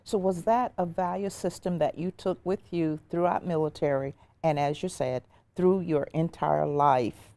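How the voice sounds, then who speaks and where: Woman host with a mellow voice asking questions. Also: sits low. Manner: long, carefully framed questions. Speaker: host, interviewer. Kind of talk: sit-down interview.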